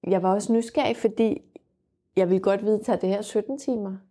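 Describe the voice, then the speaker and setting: A young woman telling her own birth story frankly and vividly, often pausing on fillers. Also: medium pitch, steady tone, warm tone. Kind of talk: candid personal storytelling.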